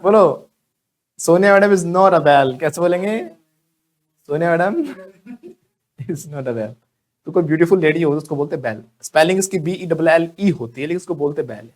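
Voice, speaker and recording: A man with an Indian English accent runs a spoken English class. He talks lively and jokes, and he calls on students by name to answer. His voice sits fairly high for a man. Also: brisk. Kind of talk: live classroom lesson.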